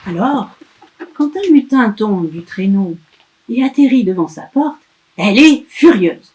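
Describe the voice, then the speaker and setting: A woman narrates a children's storybook in an expressive, emphatic manner. Her voice sits high, and she takes her time over every sentence. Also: a little slow. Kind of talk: storybook read-aloud.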